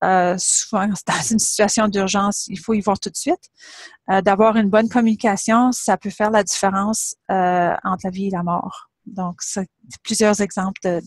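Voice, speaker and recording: With a mid-range voice and no echo, a middle-aged woman who teaches at a university presents in a webinar. She explains things in a measured way, setting her points out one after another.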